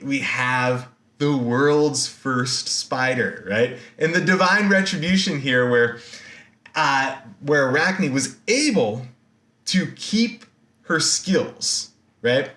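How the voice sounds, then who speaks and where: Slangy, animated male lecturer. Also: mid-range voice, slow, echoey room. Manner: slangy, animated storytelling with many fillers. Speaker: university lecturer. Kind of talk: casual recorded lecture.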